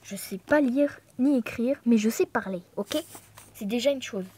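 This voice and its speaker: Une jeune femme originaire de Thaïlande, bavarde et dispersée, pleine d'hésitations et d'excuses, filmée au téléphone dans son appartement. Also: female voice, fairly high pitch, moderate pace, darkish tone, a little hiss or hum. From Thailand. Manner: chatty, scattered, lots of fillers and apologies. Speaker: vlogger. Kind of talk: casual chat to camera. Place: apartment room at home. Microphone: phone held in hand.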